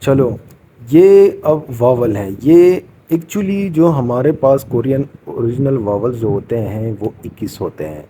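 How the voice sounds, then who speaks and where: A man gives a casual beginners' lesson, sounding out each letter patiently and repeating it. His voice is mellow and warm, at an ordinary pitch. A faint hum of noise sits behind him. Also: lively intonation. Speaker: language teacher.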